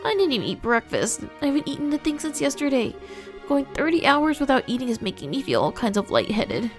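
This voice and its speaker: A woman voicing a cheerful, airheaded teen girl photographer who is faint with hunger and pleads in a drawn-out whine. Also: high voice, very animated, soft background music, pitched above the performer's own voice. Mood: whiny.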